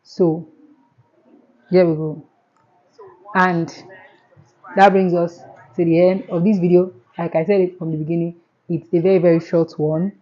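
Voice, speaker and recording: Nigerian-accented woman, chatty tutorial host, slightly low voice, dull lo-fi sound. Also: level tone, a little slow, pauses often. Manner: chatty, repeats herself, step-by-step. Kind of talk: casual screen tutorial.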